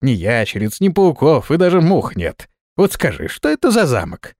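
A man's voice: a little high, huge pitch swings, normal speed, a little mellow, no echo, studio quality, pitched above the performer's own voice. A man voicing an old, weary male vampire lord who groans and complains, in a storybook reading. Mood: grumbling.

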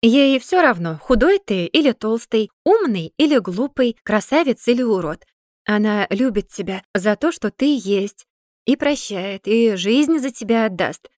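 A woman's voice: fairly high pitch, animated, measured pace, a little mellow, no room sound, studio quality. A woman voicing a grumpy, sardonic old magical tomcat who grumbles and lectures in a storybook reading. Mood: lecturing.

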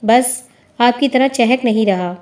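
A woman reading the lines of a calm senior male lawyer with a dry, teasing wit, in a measured way. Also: on the high side, natural voice.

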